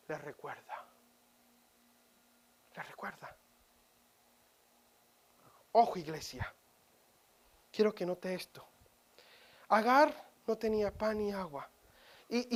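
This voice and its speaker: A woman preaching a sermon in church, dramatic, swinging from loud cries to hushed whispers. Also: medium pitch.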